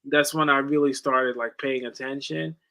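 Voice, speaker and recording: A sports watch-along streamer in his late twenties, born in the Netherlands and moved to America at ten, talks sports casually, using slang, swearing, and saying "bro." His middle-pitched voice is gravelly with a bright, forward edge, steady in tone at normal speed.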